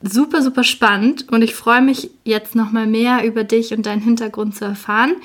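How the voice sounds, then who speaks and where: A woman's voice: on the high side, steady tone, a little fast. A woman hosting a casual interview podcast, asking questions in an upbeat, enthusiastic way. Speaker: podcast host.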